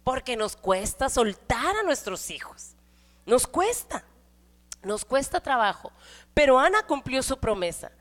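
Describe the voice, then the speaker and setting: A woman's voice: high voice, sing-song, unhurried. A middle-aged woman with a Mexican Spanish accent, giving a conversational sermon in church with frequent rhetorical questions. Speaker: church speaker. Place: church hall. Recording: hall reverb.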